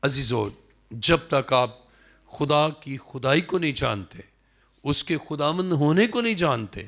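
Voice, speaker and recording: A man with a Pakistani Urdu accent preaching a sermon, emphatic, acting out the words of people in the story with swings in pitch. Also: animated, a bit bright. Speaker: pastor.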